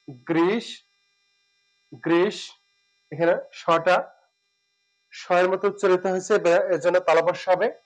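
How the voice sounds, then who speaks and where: A man teaching a pronunciation lesson, repeating words and single sounds slowly and pausing on fillers. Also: high-pitched, poor audio. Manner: slow, drawn-out repetition of words and sounds, with hesitant fillers.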